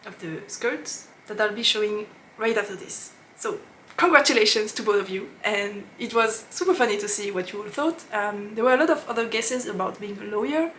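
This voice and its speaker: A woman with a French accent, a knitting podcast host chatting casually, laughing often and pausing with fillers as she searches for English words. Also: medium pitch, expressive, fairly bright tone, a little hiss or hum. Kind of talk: casual chat to camera.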